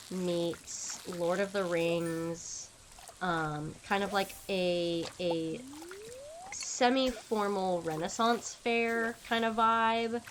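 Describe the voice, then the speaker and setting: A young woman chatting casually on a gaming stream, excitable and rambling with lots of fillers. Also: on the low side, a little hiss or hum.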